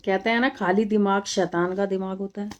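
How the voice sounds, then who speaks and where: A woman's voice: mid-range voice, steady tone, fairly quick, muffled recording. A middle-aged woman from India hosting a casual live stream, talking straight to her viewers and firmly rebutting comments, repeating her points for emphasis.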